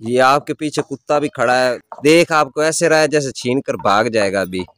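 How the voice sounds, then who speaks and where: A man's voice: medium pitch, normal speed, a bit bright. A man making teasing offhand remarks off-camera in a casual home video.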